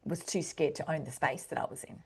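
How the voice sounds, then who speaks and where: A woman's voice: sits low, steady tone, fast, a little mellow, slightly rough. A woman hosting a podcast, chatting casually and affirming her guest. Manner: affirming, short interjections. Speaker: podcast host. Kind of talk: casual interview chat.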